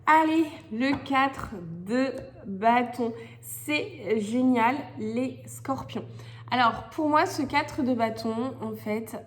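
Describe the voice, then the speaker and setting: A woman with a slightly cracked voice from a head cold, chatting casually and searching for words as she reads tarot cards. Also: fairly high pitch. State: has a lingering head cold. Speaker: tarot reader hosting monthly horoscope videos. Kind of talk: casual chatty card-reading commentary. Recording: clearly noisy recording with clicks.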